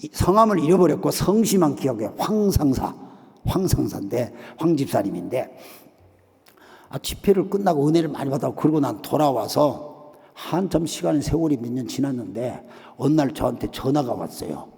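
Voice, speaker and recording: Lively gravelly male preacher. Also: medium pitch, normal speed. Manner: animated storytelling that acts out quoted voices. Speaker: missionary preacher. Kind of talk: revival meeting sermon with a story. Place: church sanctuary. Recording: long hall reverb of a church sanctuary.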